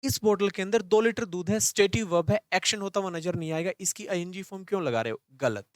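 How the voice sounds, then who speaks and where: Male grammar teacher, young, quick delivery, slightly high voice, dry close sound. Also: no room sound. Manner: fast-talking, repeats questions back to students. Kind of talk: live online class lecture.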